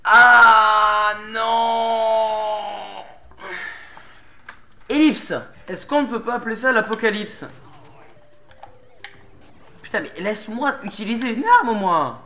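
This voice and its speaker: A man's voice: sits high, expressive, moderate pace, long pauses, fairly bright tone, a little hiss or hum. A young man doing casual commentary while playing a game, getting worked up, pleading with and swearing at a boss. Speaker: let's play gamer. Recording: game music behind the voice.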